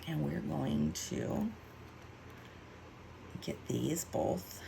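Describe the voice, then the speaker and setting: A woman's voice: deep voice, sing-song, very slow, vocal fry, mellow, slight background noise, low-quality recording. A woman giving a casual craft tutorial, chatty and self-mocking as she thinks aloud while working. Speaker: card-making demonstrator.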